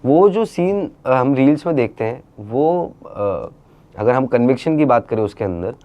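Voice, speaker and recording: A man speaking as an interview guest, talking in an animated, casual way and dropping English phrases into his speech. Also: mid-range voice, unhurried, dull audio. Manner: animated, mixes English into speech, many fillers. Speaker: interview guest, actor and creator.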